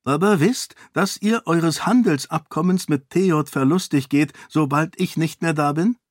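A man's voice: a little high, measured pace, dry recording, studio quality, voice pushed up. A man voicing a self-assured young princess who speaks frankly and cuttingly in a storybook reading. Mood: cool.

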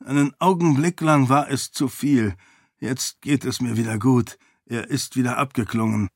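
A man voicing a young exiled prince who is in pain, speaking tensely and with strain, higher than his narration. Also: moderate pace, dry recording, studio quality, natural voice.

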